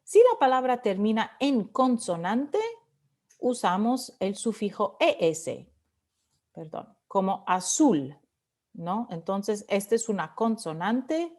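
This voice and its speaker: A woman teaching Spanish grammar in a lecture. She switches between Spanish and English and repeats words slowly to model their stress. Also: mid-range voice, expressive, darkish tone.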